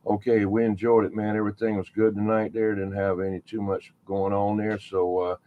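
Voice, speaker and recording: This man's voice is on the low side, level in tone and a little fast. Working as a CB radio operator, he chats casually and relays calls using folksy radio lingo, heard through tinny, phone-like audio with clear background noise.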